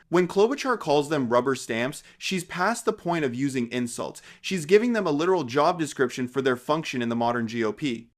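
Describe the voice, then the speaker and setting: A man giving conversational political commentary in an indignant, sardonic way, leaning on rhetorical questions. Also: fairly high pitch.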